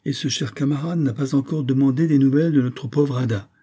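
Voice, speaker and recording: Guy doing a jovial flattering army major, pitched up, loud and gushing, husky edge. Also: brisk, close to an everyday voice. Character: effusive flattering middle-aged army major.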